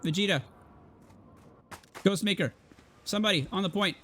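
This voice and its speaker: A man hosting and casting a live esports tournament, excitable and chatty, thinking aloud as he goes. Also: high-pitched, moderate pace. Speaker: tournament caster and host.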